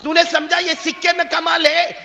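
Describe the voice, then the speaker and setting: A man's voice: high voice, sing-song, sharp tone, long reverb tail, dull audio, exaggerated voice. A man voicing a stern old male saint with fervent, impassioned declarations.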